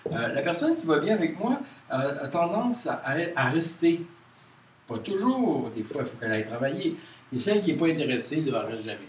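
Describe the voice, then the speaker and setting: A man with a Quebec French accent leads an informal workshop, talking to a small group in a halting way full of hesitations and restarts. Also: on the high side, big pitch swings. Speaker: workshop leader. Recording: roomy, distant mic with faint noise.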